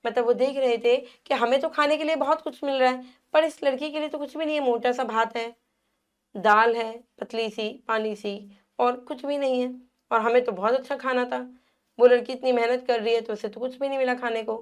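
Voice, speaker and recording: A woman's voice: on the high side, fairly even intonation, normal speed. A woman teacher reading a Hindi textbook story aloud and retelling each passage in plain words for students. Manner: reads a passage, then paraphrases it plainly. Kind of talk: reading and explaining a textbook chapter.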